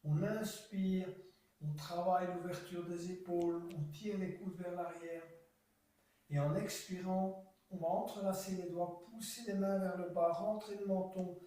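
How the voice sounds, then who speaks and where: A man guiding a yoga class, giving slow, calm cues timed to the breath. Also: sits high. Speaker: yoga teacher. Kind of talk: guided yoga class instruction. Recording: echoey room, voice from far off.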